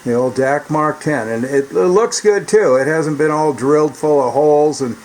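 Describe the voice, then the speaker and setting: His voice sits fairly high and a little mellow, at a normal speed. He's an American radio repair hobbyist and CB operator, chatting in a relaxed, rambling, folksy way while demonstrating, over clearly audible background noise.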